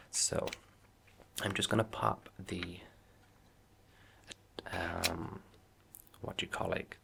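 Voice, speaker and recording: A man doing a softly spoken ASMR role-play as a watch shop salesman, with reassuring customer-service patter in a low, gravelly voice. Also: a little hiss or hum.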